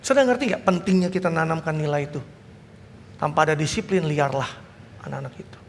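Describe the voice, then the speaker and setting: A high-voiced male pastor with a gravelly, fry-heavy tone preaches in a long-reverb church hall. He speaks in a lively storytelling style and acts out family dialogue, with faint noise behind him. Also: fast. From Indonesia. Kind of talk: sermon.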